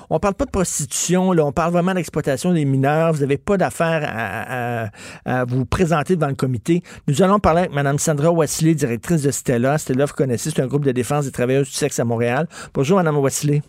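A male radio host with a Quebec French accent talks in an animated, emphatic way, full of fillers. His voice sits at an ordinary pitch, and the close studio mic keeps it dry. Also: dry recording. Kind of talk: casual radio talk.

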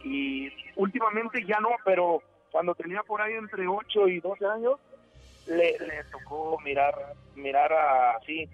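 Caller, male, 40s, higher voice, halting storyteller, tinny phone line. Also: faint music behind. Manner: rambling, halting storyteller with many restarts. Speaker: radio caller. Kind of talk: telling a ghost story on a call-in show. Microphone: telephone.

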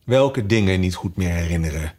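A sleepy, listless caterpillar from a storybook, voiced by a male reader. He speaks in short, curt replies and sneers now and then, lively in pitch but never in a hurry. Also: moderate pace.

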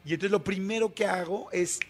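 A man with a Mexican Spanish accent, a radio guest telling a story in a colloquial, animated way with many fillers. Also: high-pitched, brisk.

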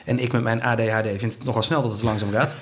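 A man, an entrepreneur being interviewed, who talks quickly in halting phrases full of fillers and restarts. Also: medium pitch, fairly even intonation. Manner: fast, halting speech with many fillers and restarts. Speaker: entrepreneur guest. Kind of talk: conversational interview.

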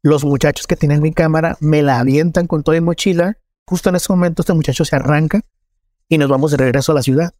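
A man's voice: on the high side, a little mellow, no echo, studio quality. Earnest Mexican man recounting his story. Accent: Mexican Spanish. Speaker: journalist giving testimony. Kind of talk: personal testimony interview.

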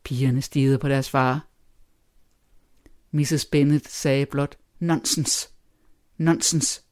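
Brief: calm, steady reader of classic literary fiction, mid-range voice, clean and even. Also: medium pitch. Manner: measured, even reading. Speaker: audiobook narrator. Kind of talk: scripted literary narration.

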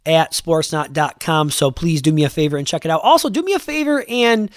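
A man's voice: fairly high pitch, expressive, a little fast, no room sound, clean studio sound. A man hosting a sports podcast in a loose, chatty way with lots of fillers, sounding a little congested from a cold. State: congested, under the weather. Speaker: podcast host. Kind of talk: casual podcast talk.

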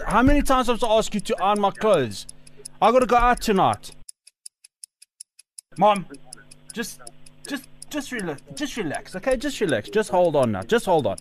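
A man with a South African accent playing a whiny, exasperated young man in an improvised prank phone call. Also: high-pitched. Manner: exasperated, pleading, repetitive. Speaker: radio prank caller.

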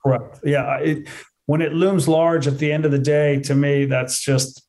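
A man's voice: fairly high pitch, flat delivery, measured pace, vocal fry, darkish tone. A man giving conversational, matter-of-fact answers as a fitness trainer, repeating points for emphasis. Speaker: fitness trainer, interview guest. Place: remote video call.

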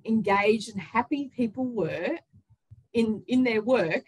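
An excited, chatty woman with an Australian accent, telling personal stories casually as an interview guest. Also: a little high, takes it slowly, breathy edge, rough recording. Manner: excited, chatty, with quoted self-talk. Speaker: interview guest, author and workplace culture consultant.

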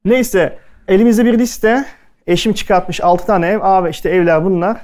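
A man from Türkiye, a speaker at a culinary event, tells loose, conversational stories to a live audience at a normal pace. His slightly mellow voice sits a little high for a man, and he keeps taking on the voices of the people he quotes.

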